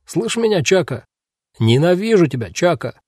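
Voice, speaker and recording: A man's voice: sits high, sing-song, normal speed, no room sound, clean studio sound, pitched above the performer's own voice. A man voicing a bored male guard who jeers and calls out to his partner. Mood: taunting. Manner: jeering, calls out loudly.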